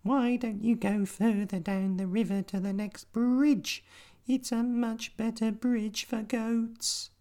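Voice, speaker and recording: A man doing a tiny squeaky spider. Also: steady tone, takes it slowly, dark tone. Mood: pleading. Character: tiny timid spider, pleading.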